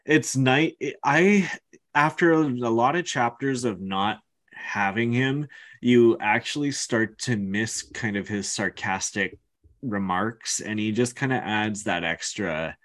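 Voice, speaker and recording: A man's voice: medium pitch, slow pace, fairly bright tone. A man co-hosting a podcast, talking casually and a little hesitantly as he explains his thoughts on a book. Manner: thoughtful, hedging, explains things. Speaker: podcast co-host.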